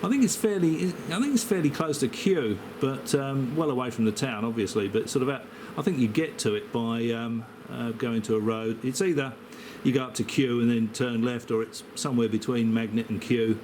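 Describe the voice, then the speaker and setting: Speaking with hardly a pause, this Australian ham radio operator has a mid-pitched, somewhat dark voice and keeps a moderate pace despite clear background noise. His casual on-air chat wanders in a friendly, hesitant, matey way.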